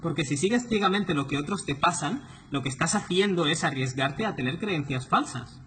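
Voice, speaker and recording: A man's voice: fairly high pitch, animated, moderate pace, a bit bright, slight background noise. A man giving a religious lecture, explaining points patiently and often checking in with his listeners. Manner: didactic, often asks "¿vale?". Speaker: Islamic lecturer. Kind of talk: explanatory talk.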